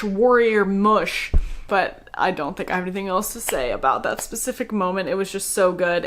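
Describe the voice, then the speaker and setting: A woman's voice: mid-range voice, a bit bright. A young woman talking casually and enthusiastically as she reviews books, sometimes laughing at herself. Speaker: book review vlogger. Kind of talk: casual spoken book review.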